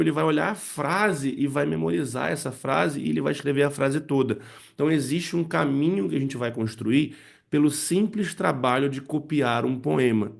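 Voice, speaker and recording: A man whose voice sits on the high side, with vocal fry, gives parents and teachers a spoken lesson on using poems in English teaching. He goes through it step by step, checking in often with "né" and "tá."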